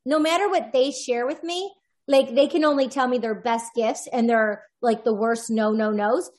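A woman voiceover artist, guesting on a podcast, speaks reflectively in a casual interview, rambling and often restarting her thoughts. Her voice is a little high and somewhat dark, with a steady tone and moderate pace.

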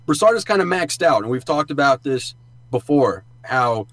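A sports podcast co-host with a medium-pitched, fairly bright voice and lively intonation explains things informally at a moderate pace. The recording is dry, made in a studio sound booth, and the talk is casual sports analysis.

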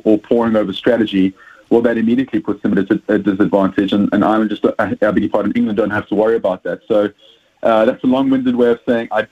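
A husky South African man with a lowish voice answers interview questions about his work as a rugby journalist. He stumbles with frequent hesitations and repeated words, and the phone recording sounds tinny.

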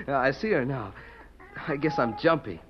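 A man's voice: medium pitch, big pitch swings, unhurried. An American male actor playing an earnest, jumpy, polite boy in an old-time radio western. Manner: eager, earnest. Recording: muffled, noisy old radio recording.

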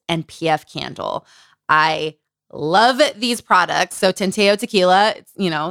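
A woman hosting a podcast, recapping a memoir in lively casual chat, laughing, swearing and acting out quotes. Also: on the low side, clean tone, no room sound, clean studio sound. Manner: animated, laughing, swearing, quotes with dramatic flair. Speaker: podcast host.

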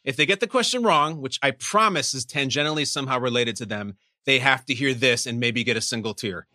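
A man's voice: mid-range voice, brisk, pushed and bright, dry recording, studio quality. A man hosting a podcast quiz with emphatic, mock-dramatic showman banter. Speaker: podcast game show host. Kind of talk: high-energy game show hosting banter.

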